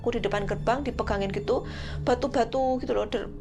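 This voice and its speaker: A young woman tells her story casually, pausing and repeating words as she recalls. Her voice sits fairly high. Faint music runs behind her. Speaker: interviewee recounting a camp possession. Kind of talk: casual testimony.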